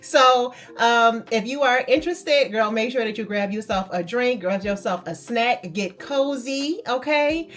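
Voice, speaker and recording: A woman's voice: on the high side, unhurried, hardly any pauses, a bit bright. Chatty upbeat woman in her thirties. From Michigan, US. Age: 30s. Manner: chatty and upbeat, calls viewers babes and girl. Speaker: beauty vlogger. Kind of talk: casual chat to camera.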